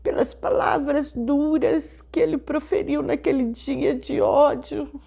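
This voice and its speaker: A middle-aged woman pastor, telling a personal testimony in a sermon with slow, emotional storytelling. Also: sits high, steady tone, gravelly, warm tone.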